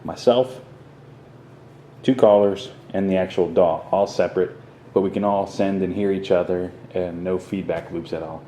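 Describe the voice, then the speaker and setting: A man with a low, steady, warm voice talks at a normal pace, walking through his home podcast setup as a vlogger. It's an offhand, unscripted tour delivered in short, clipped fragments, and the room recording is clearly noisy.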